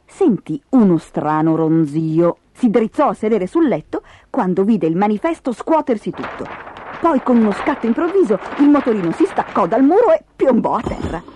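A woman reading a children's storybook aloud in an expressive, animated way. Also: fairly high pitch, slightly rough, dry recording. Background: music.

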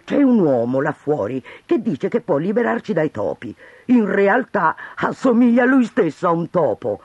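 A man voicing a greedy, scheming town mayor who blusters loudly and stammers when cornered, in a storybook reading. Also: high voice, sing-song, moderate pace, breathy edge, no echo, lo-fi sound, pitched above the performer's own voice, exaggerated voice.

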